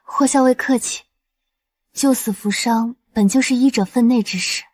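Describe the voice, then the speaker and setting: Actress as a gentle healer woman, fairly high, close dry sound. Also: moderate pace, dry recording, lightly acted. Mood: tender. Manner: soft, earnest and caring.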